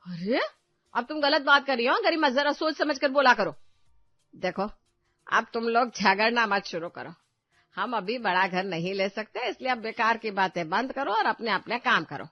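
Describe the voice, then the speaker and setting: A woman's voice: a little high, a little fast, dry recording, lightly acted. Woman doing a bossy cartoon mother-in-law, firm, scolding, dry muffled sound. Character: bossy, practical middle-aged mother-in-law. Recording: dull dry voice-over with faint music.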